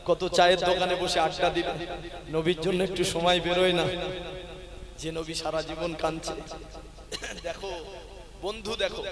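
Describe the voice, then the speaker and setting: A man preaching a sermon to a gathering, moving between loud sung chanting and quiet talk to the crowd. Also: high voice. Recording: echoey hall sound with a crowd.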